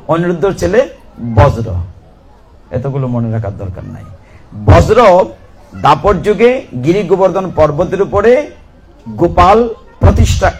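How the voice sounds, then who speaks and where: A man with a somewhat high voice preaches a devotional sermon, telling a sacred story in an unhurried storytelling way. He stops often to ask the listeners questions and breaks into chanting. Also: darkish tone. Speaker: Gita reciter and preacher. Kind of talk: devotional scripture reading and storytelling.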